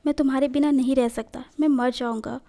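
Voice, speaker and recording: A desperate young man pleading with a lover who is leaving him, read by a woman. The voice is fairly high, soft and mellow. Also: steady tone, fairly quick. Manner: begging.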